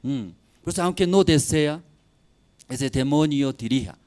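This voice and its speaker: Slow-preaching man, pastor. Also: a little high, a little mellow. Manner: preaching with rising emphatic bursts and frequent tag questions. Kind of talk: sermon.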